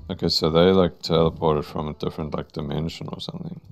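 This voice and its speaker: A man playing a video game and musing quietly to himself as he plays. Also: extremely low pitch, fairly even intonation, quick pace, faint music behind. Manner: musing, quiet, thinking aloud. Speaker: gamer. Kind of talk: let's play commentary.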